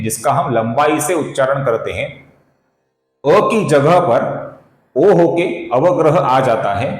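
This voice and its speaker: A man teaching the correct pronunciation of a Sanskrit verse in a slow, careful recitation lesson, breaking words down syllable by syllable and chanting the lines, often calling his listeners friends. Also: on the high side, reverberant. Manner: addresses viewers as friends.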